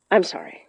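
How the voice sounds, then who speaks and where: An actress voices a young woman who works magic, sounding tired, wry and protective, delivering lines briskly and matter-of-factly. It's a naturalistic audio drama with a natural voice and dry recording.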